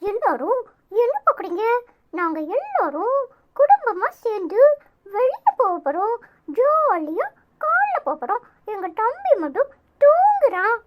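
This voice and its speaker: A woman's voice: very high-pitched, sing-song, unhurried, lo-fi sound, heavily acted. A woman voicing a cheerful small child in a cartoon who chats to the viewers, with a Tirunelveli Tamil accent. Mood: chirpy. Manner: chirpy, addressing viewers.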